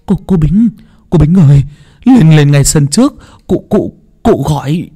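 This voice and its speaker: A man voicing a frightened servant who stammers out a hurried message. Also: fairly high pitch, animated, warm tone, breathy edge, voice pushed up. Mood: panicked.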